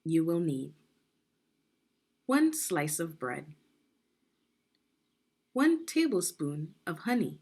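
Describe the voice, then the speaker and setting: A woman reads aloud as a teacher for young children, explaining things deliberately and checking in with questions. Her voice is lowish with a breathy edge.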